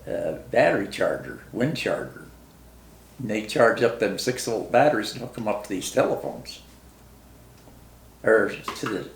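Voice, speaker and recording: Creaky old Midwestern veteran, remembering. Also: male voice, lowish voice, a little hiss or hum. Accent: rural American Midwestern. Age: very old, 90s. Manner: old veteran remembering, halting and plain-spoken, folksy. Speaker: war veteran being interviewed. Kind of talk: casual reminiscing interview. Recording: roomy, echoing interview recording.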